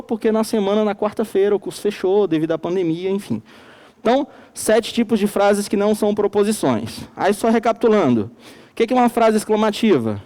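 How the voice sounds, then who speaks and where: A man with a Manaus accent teaching a recorded classroom lesson. He speaks slowly and emphatically, asking the class questions and then answering them himself. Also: high-pitched, warm tone. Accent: Brazilian Portuguese, Manaus. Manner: slow and emphatic.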